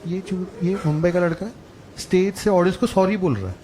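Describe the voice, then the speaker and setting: A man's voice: high-pitched, brisk. A young man performing a stand-up comedy set on a club stage, telling stories in a chatty, crude style. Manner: conversational storytelling, crude punchlines. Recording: loud crowd laughter and room noise. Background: audience laughing.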